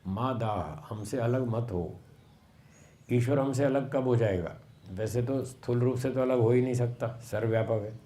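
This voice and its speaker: Slow, explanatory man with a mellow voice. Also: mid-range voice. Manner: slow, explanatory, repeats phrases for emphasis. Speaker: swami giving a Vedic discourse. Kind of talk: sermon.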